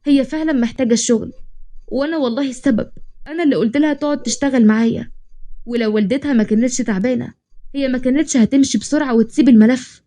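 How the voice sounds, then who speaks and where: A stubborn young Egyptian woman, read by a woman narrator, quick-talking and a little high. She is proud and easily irritated, with a soft, mellow tone. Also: close to an everyday voice. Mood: pleading. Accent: Egyptian Arabic. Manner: pleading then sharp and irritated.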